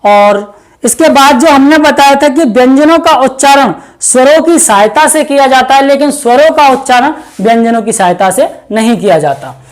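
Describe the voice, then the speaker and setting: A woman's voice: high-pitched, expressive, normal speed. A woman teaching a grammar lesson for exam preparation, explaining step by step with many repeated fillers and calling her viewers friends.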